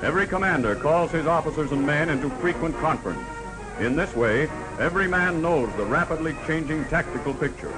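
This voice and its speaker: Dramatic old-newsreel man, loud music behind. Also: a little high, lively intonation, brisk, rough recording. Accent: Canadian. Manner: dramatic, declamatory, announcer-style delivery. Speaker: newsreel narrator. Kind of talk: 1940s wartime newsreel narration.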